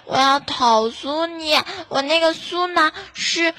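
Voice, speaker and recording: A woman's voice: high-pitched, takes it slowly, pushed and bright, exaggerated voice. A woman putting on the voice of a coy, whiny young woman who pouts and pleads for favors. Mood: whiny complaining. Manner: pouty, pleading, refers to herself as 人家.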